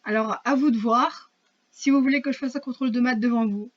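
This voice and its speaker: A teenage girl talks in a loose, rambling vlog chat, full of fillers and restarts as she laughs at her own shortcomings. Her voice sits a little high. The recording is dull and lo-fi, like a cheap home mic. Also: fairly even intonation, a little fast. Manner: rambling and self-mocking, many fillers and restarts. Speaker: vlogger. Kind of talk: casual chat to camera.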